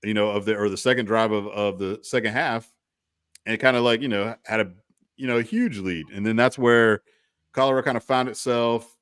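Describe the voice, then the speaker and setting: A man's voice: fairly low pitch, steady tone, a little fast, a bit bright, clear, resonant tone, no echo, studio quality. A man co-hosting a casual college football talk show, rambling with frequent restarts and asides. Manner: rambling, restarts, lots of "you know". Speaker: co-host.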